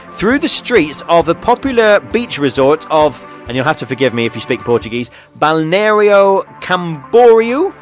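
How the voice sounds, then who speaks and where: A man with a fairly high voice reads offbeat news items on a radio show, breaking into chuckles and filling gaps with ums and uhs. Faint music plays behind him in the studio. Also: fairly bright tone. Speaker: radio show host reading a news feature. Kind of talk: casual news reading with banter.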